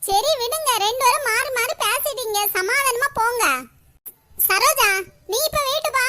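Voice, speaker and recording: A woman's voice: very high-pitched, moderate pace, pushed and bright, slight background noise. Woman voicing a firm village peacemaker. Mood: calming. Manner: soothing, firm, telling others to stop. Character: older village woman peacemaker, calm elder sister. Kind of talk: animated cartoon voice acting.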